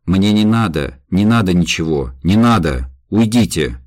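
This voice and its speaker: A man's voice: low voice, lively intonation, moderate pace, darkish tone, dry recording, clean studio sound. A man reading as a young condemned prisoner, tender and anguished. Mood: agitated. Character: young condemned revolutionary man, gentle and loving.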